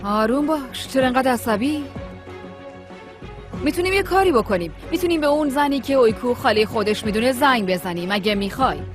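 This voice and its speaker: A scheming, insistent woman, voiced by a woman in a dubbed TV drama, her voice a little high. She coaxes and presses, with music behind her. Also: expressive, close to an everyday voice. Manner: coaxing, insistent. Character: scheming woman claiming to be a mother.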